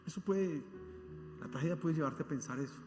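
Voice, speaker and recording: A man with a high voice preaches a sermon, pressing his points with questions he asks his church. The sound is roomy, with a long hall reverb carrying every word. Soft music plays faintly underneath. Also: brisk. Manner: emphatic, asks the congregation rhetorical questions. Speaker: pastor.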